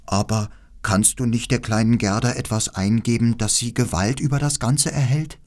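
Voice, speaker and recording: A man's voice: medium pitch, steady tone, normal speed, darkish tone, close to an everyday voice. A man voicing an earnest male reindeer who begs for help in a fairy-tale audiobook reading. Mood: pleading. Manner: earnest, begging. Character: pleading gentle male reindeer.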